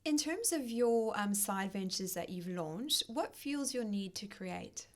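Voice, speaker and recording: A woman's voice: medium pitch, expressive, measured pace. A woman with a South African accent, hosting an interview and asking questions with short encouraging responses. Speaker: podcast host. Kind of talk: interview host.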